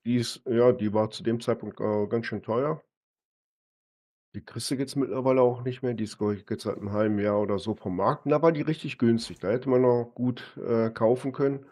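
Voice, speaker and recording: On a live stream, a man keeps up easy conversation with the person he's gaming alongside, often closing remarks with a quick tag question. He has a mid-range, dark-toned voice that stays steady and moves briskly.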